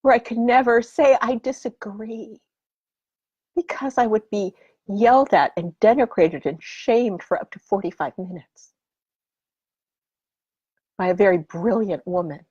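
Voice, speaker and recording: A woman giving a heartfelt personal talk on emotions, often dropping into soft whispers and then rising to emphatic intensity. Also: medium pitch, measured pace, husky, no room sound, dull audio.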